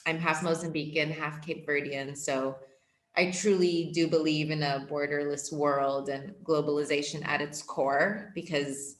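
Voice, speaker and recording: A young adult woman, born in Portugal and raised in Ethiopia, is a guest on a podcast interview, where she works as an empowerment coach. Her low voice is steady and a little slow, heard in an echoey room, and she talks casually and earnestly with plenty of reflective filler words.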